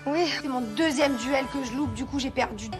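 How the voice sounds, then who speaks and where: A woman's voice: high voice, moderate pace. A woman, a reality show contestant, talking in a casual, chatty way. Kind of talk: casual chat. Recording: music behind the voice.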